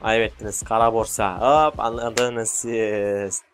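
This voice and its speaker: A man casually commentating his own football video game, joking and yelling when he scores. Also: fairly low pitch, slow, soft background music. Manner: excitable, shouts at goals, jokey. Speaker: gaming YouTuber.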